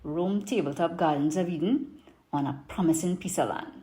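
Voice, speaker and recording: A woman's voice: lowish voice, moderate pace, dark tone. A woman reciting a rhyming dialect poem in a strong Trinidadian market accent, with a lilting, emphatic delivery. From Trinidad and Tobago. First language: English.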